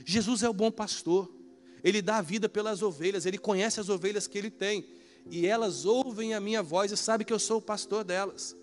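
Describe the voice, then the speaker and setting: High-voiced pastor preaching in an echoey hall. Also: male voice, fairly quick. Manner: animated, acts out dialogues. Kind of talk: sermon. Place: church. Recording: echoey church hall with faint music.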